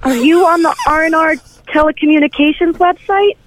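A woman's voice: very high-pitched, fairly quick, no echo, poor audio. A woman answering the phone as a receptionist, polite but puzzled and hesitant.

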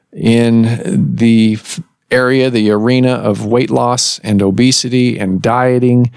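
A man hosting a medical podcast, explaining things in a measured way with pauses and restarts. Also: medium pitch, vocal fry, a little mellow, clear, resonant tone, no room sound, studio quality. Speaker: podcast host and surgeon. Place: office recording room.

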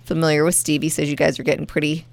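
A woman co-hosting a morning radio show, chiming in with quick, bubbly agreement. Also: low voice, level tone, creaky, a little mellow, no echo. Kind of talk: casual morning radio banter. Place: radio studio.

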